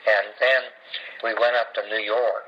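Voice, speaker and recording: An older man with a Southern drawl rambles through old family memories, circling back and restarting as he goes. His voice sits low and a bit husky. The recording is dull and lo-fi. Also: flat delivery. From Jacksonville, Florida. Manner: rambling, halting storytelling with restarts. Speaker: family storyteller. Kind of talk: casual family reminiscing.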